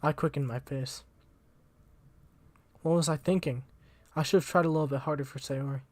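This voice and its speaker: A man's voice: a little high, steady tone, normal speed, darkish tone. A young man reading a visual novel aloud as the channel host, casual and slangy, tripping over words now and then.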